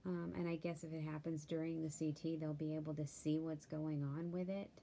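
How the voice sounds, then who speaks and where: Woman, sleepy and worried, dark husky tone, low pitch, many ums, personal vlog. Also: level tone, fairly quick, a little hiss or hum. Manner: tired and worried, soft-spoken, many ums, drifts into whispers. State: sleepy, yawning. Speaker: vlogger sharing a health update. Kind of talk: candid personal vlog update.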